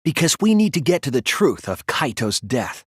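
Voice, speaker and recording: Here the same sort of role appears: a young male detective voiced by a game actor for a dramatic English dub, earnest and analytical as he works things out with quiet determination. The voice sits at medium pitch with a husky edge and big, expressive pitch swings. He speaks deliberately and articulately, with no echo at all in the dry recording.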